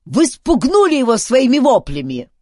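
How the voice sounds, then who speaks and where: A woman's voice: medium pitch, huge pitch swings, measured pace, a little mellow, slightly rough, no echo, studio quality, pitched above the performer's own voice, full character voice. A woman voicing a stubborn man who protests and argues with raised voice. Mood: protesting. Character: stubborn determined man, adventurer.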